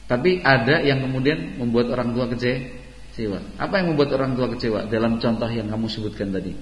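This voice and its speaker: A man's voice: medium pitch, a little fast. A male religious teacher at a boarding school, questioning his students in a playful, teasing classroom lesson. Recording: roomy hall echo, dull lo-fi sound.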